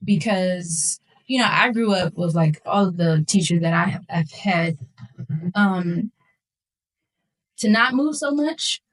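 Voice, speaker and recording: An American woman in her twenties from Philadelphia, a singer appearing as a podcast guest, explains her thoughts in a casual, earnest way. Her voice is lowish with lively intonation and a slow pace, and the audio quality is poor.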